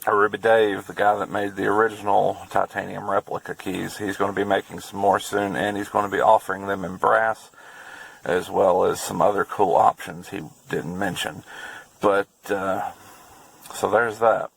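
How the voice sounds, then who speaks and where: A man with a Southern US accent chatting casually in a vlog, rambling and joking crudely and getting excitable. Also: deep voice, normal speed, vocal fry, breathy edge, no room sound. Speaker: car vlogger.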